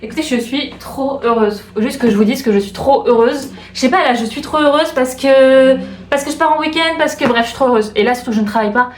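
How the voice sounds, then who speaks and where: A young woman from France chatting in a casual home vlog, bubbly and gushing, repeating herself with excitement. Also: high voice, quick pace, hardly any pauses. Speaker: vlogger. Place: room at home. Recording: echoey room, faint background hiss.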